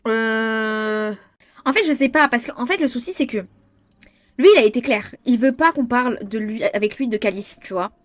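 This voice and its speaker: Young woman streamer voicing a visual novel; excitable, cursing, slightly high, dry close sound. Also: normal speed, no echo. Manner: excitable, swears, restarts lines. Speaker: gamer. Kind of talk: playing a visual novel aloud.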